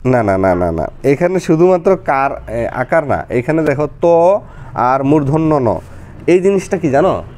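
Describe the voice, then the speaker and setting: A woman teaches a children's lesson. Her pitch rises and falls a great deal as she coaxes and explains patiently, one step at a time. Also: big pitch swings, a little slow, a little mellow, a little hiss or hum. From Bangladesh.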